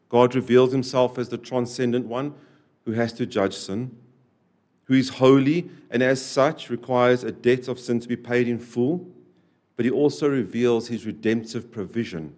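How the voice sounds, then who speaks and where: Emphatic male preacher delivering a sermon. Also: mid-range voice. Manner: emphatic, repeats key phrases, swings between loud stresses and quiet drops. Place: church service.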